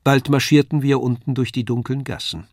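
Brief: older male narrator, steady literary reading, dry close recording. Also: medium pitch, no echo. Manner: measured, even storytelling. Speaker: audiobook narrator.

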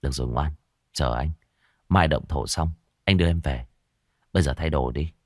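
A man voicing a calm young man who speaks softly and coaxingly to his frightened girlfriend. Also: very deep voice, moderate pace, dry recording, clean studio sound, pitched below the performer's own voice. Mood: soothing. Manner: soft, hushed, coaxing.

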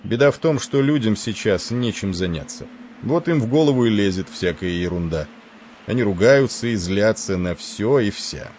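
Man doing a gruff pompous old admiral. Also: on the low side, lively intonation, moderate pace, a little mellow, a little hiss or hum, natural voice. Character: gruff imperious older male admiral.

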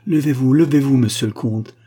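A man's voice: mid-range voice, moderate pace, mellow, slightly rough, natural voice. A man reading aloud gives voice to a distraught noble mother who pleads and exclaims. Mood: pleading. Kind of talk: audiobook dialogue reading.

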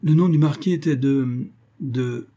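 A man's voice: mid-range voice, a little slow, dark tone, muffled recording, voice pushed up. A man reading an audiobook voices a greedy, spiteful old woman on her deathbed, wheedling and gasping. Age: older. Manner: wheedling, mercenary, cackling. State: dying, gasping out syllables.

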